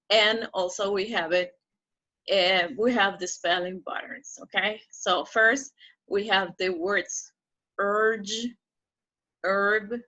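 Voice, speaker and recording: A woman teaches English pronunciation in a recorded lesson, explaining step by step, checking in with "okay?", and slowing down to model the target words. Her mid-range voice is bright and forceful, though the audio sounds dull.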